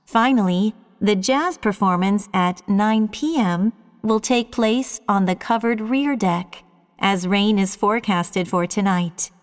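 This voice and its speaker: A woman's voice: medium pitch, long reverb tail. Woman announcing over a ship intercom. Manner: formal, measured announcing. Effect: over the ship's intercom. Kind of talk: scripted public announcement.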